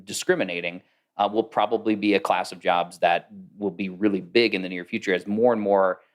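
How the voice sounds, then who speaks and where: Podcast guest, male, low-pitched, explains at length in a relaxed interview. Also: a little fast. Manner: thoughtful, explanatory, with fillers. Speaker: guest, AI consultant. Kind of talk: casual interview talk.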